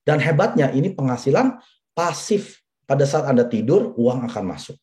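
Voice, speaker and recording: A business presenter in his forties gives a persuasive seminar talk, speaking directly to the audience and going back over his key points. He has a mid-range, slightly mellow voice with big pitch swings and a moderate pace.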